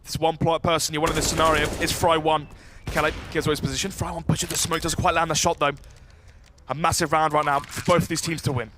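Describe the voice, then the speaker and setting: A man giving live esports caster commentary, running through each round in a brisk, clipped analytical way. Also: fairly high pitch, little pitch movement. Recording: faint game noise behind voice.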